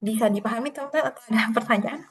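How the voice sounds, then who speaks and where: A woman with a slightly high voice teaches a Mandarin class over a video call. She explains patiently, slows down to model each tone, and stretches the syllables out for her students. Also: fairly bright tone, slightly rough. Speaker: Mandarin tutor.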